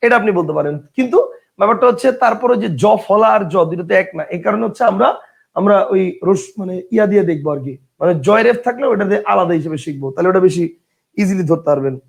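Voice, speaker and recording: A man's voice: high-pitched, expressive, quick pace, creaky. A man teaching an online grammar class, repeating key phrases, quizzing students and reading out viewer comments.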